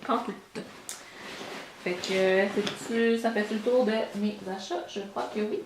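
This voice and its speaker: Young Québécois woman, chatty vlogger, rambling, mid-pitched voice, echoey room. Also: steady tone, a little slow, background noise. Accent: Québécois French. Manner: chatty, rambling, mixes in English words. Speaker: beauty vlogger. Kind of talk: casual chat.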